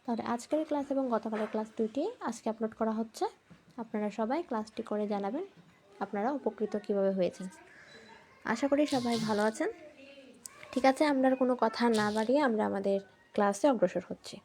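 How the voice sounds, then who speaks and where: This grammar teacher, a woman with a somewhat high and slightly mellow voice, spells words out letter by letter. She asks questions only to answer them herself, and she goes slowly through English sentences before breaking them down.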